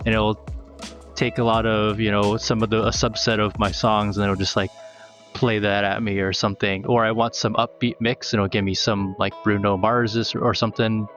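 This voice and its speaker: A man's voice: fairly low pitch, level tone, moderate pace, a bit bright, soft background music. Easygoing man from Florida. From United States (Florida). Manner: easygoing, laughs often, rambling with restarts. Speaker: guest. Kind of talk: casual conversation.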